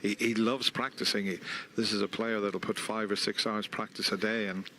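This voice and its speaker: A man giving hushed, measured, analytical live snooker commentary. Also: on the low side, flat delivery. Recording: crowd ambience and noise behind. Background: snooker hall audience.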